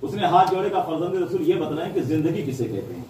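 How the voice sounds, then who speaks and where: A man's voice: fairly high pitch, sing-song, dark tone, a little hiss or hum. A man giving a dramatic devotional sermon at a mourning gathering, telling a story and repeating lines for emphasis. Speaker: majlis orator. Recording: echoey hall, far mic, crowd.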